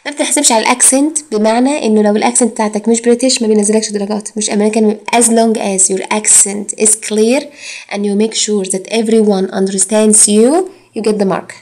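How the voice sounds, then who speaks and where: A woman's voice: mid-range voice, steady tone, warm tone. A woman teaching an IELTS course in Egyptian Arabic, mixing in English exam phrases and drawing out her fillers. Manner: drawn-out fillers and hesitations. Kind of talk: recorded lecture.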